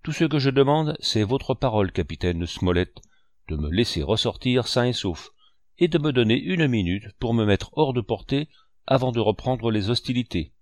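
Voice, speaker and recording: A man's voice: medium pitch, animated, moderate pace, a little mellow, no echo, clean studio sound, natural voice. A man voicing a sly one-legged pirate cook who speaks with ingratiating, false courtesy in an audiobook reading. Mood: courteous.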